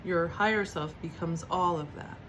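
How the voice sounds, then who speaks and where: Low-voiced woman teaching softly. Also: a little hiss or hum. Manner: soft, unhurried, reflective with fillers and restarts. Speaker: spiritual teacher. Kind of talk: devotional teaching talk.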